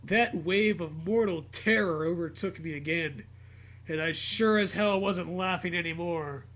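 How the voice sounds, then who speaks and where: Somewhat slow and high-pitched, a man reads a story dramatically while interjecting crude, joking commentary. His reactions are animated, profane and full of humor.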